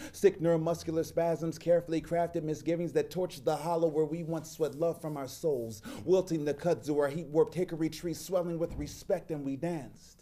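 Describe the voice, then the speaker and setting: Man reading spoken-word poetry, mellow. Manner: slow, measured, low-pitched delivery. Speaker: poet.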